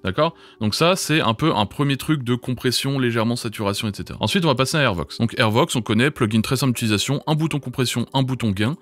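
A man teaching vocal mixing in a software tutorial, explaining each setting and checking in with the viewer. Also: medium pitch, quick pace, few pauses. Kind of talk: screen-recorded software tutorial.

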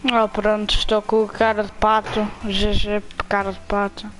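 A young woman with a European Portuguese accent gives live commentary on her own game, taunting other players and swearing in excitable outbursts. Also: medium pitch, moderate pace, faint music behind, low-quality recording. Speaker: gamer streaming own play.

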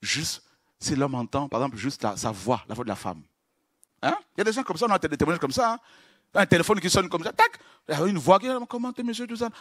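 A man preaching a sermon, moving from low, confiding talk to shouted praise. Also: sing-song, fast, dry recording, studio quality.

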